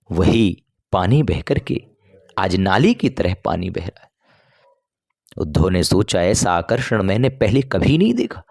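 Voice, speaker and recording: A man telling a devotional scripture story in a slow, emotive way. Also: on the low side, darkish tone, no room sound, studio quality. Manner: slow, emotive, sung verse asides.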